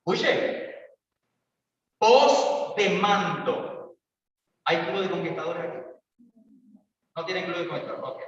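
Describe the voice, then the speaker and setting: A pastor preaching an evangelistic sermon, swinging between loud calls and quiet asides. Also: male voice, high-pitched, slow pace, long pauses. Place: church hall. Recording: echoey church hall, distant mic, dull sound.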